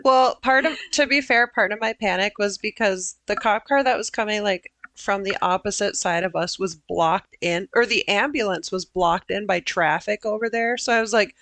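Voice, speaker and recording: Creaky-voiced woman chatting casually. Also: medium pitch, normal speed, few pauses, a bit bright, dry recording. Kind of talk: casual anecdote.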